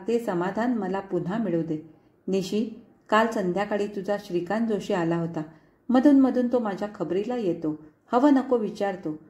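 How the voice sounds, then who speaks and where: A woman reads a story aloud with a tender, pleading warmth, as if speaking a letter to someone far away. Her voice is mellow and soft-edged. The recording carries a noticeable room echo. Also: medium pitch. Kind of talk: emotional story reading. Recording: echoey room.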